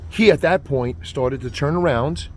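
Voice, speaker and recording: A man who teaches martial arts, telling a story to camera in an earnest, halting way, full of ums and uhs, at a train station. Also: mid-range voice, a little mellow, slight background noise.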